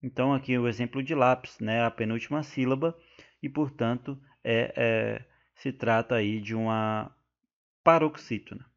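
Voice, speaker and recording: A Brazilian man teaching an online grammar lesson, his voice of ordinary middle pitch. He explains patiently and methodically, often addressing his students directly. The recording sounds dull and lo-fi. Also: moderate pace. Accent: Brazilian Portuguese. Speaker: exam-prep teacher. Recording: muffled lo-fi recording.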